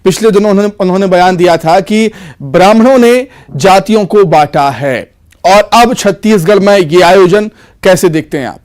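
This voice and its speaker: A man's voice: sits high, moderate pace, a little mellow. A male interviewer asking pointed questions and cutting in to redirect the guest.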